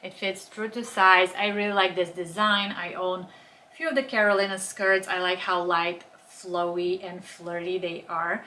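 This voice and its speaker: This young Bulgarian woman, a fashion vlogger, has a lowish, pushed, bright voice with fairly even intonation and a moderate pace. In casual haul and try-on talk, she enthusiastically chats about each product.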